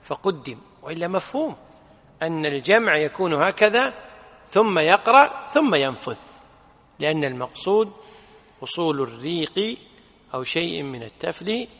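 A man's voice: on the high side, bright, forceful tone. A man teaching a religious lesson, explaining a text emphatically and posing rhetorical questions. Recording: reverberant hall, dull lo-fi sound.

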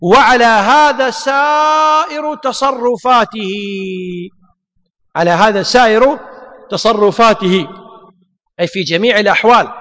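A man's voice: high voice, sharp tone. A man teaching a grammar lesson, repeating his points and asking and answering his own questions. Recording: long hall reverb.

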